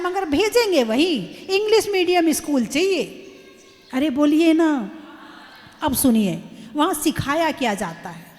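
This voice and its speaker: A woman's voice: high voice, in a large hall. A woman preacher giving a sermon, emphatic and repeating phrases as she addresses the audience. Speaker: Jain nun preacher.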